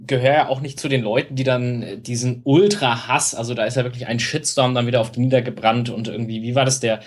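Husky mid-pitched man, casual talker. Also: fairly even intonation, quick pace. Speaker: podcast co-host. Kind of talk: casual opinionated chat.

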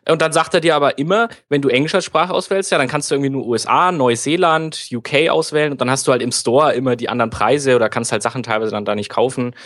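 Dude rambling on about console settings, dry close mic. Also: male voice, mid-range voice, fast talker, hardly any pauses, a bit bright, no room sound. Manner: chatty, rambling explanations. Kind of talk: casual gaming chat.

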